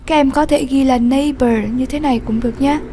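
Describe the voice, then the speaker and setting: A woman teacher giving a lesson, explaining slowly, patiently and clearly. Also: high-pitched, steady tone, warm tone, slight background noise. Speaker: English teacher. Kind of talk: classroom lesson narration.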